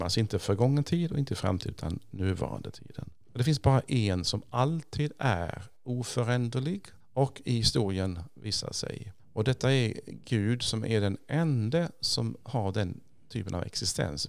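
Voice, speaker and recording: Man, priest and bible teacher, gravelly voice, low pitch, thoughtful, dry close sound. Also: no room sound. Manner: thoughtful, explains slowly with pauses and repeats. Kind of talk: explanatory podcast talk.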